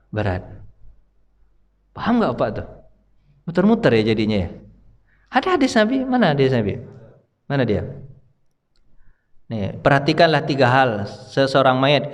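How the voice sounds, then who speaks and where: A man's voice: sits high, fairly bright tone, long reverb tail. A middle-aged male Islamic preacher giving a study sermon in a mosque, chatty, often asking the congregation questions. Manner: conversational, asks the congregation questions. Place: mosque hall.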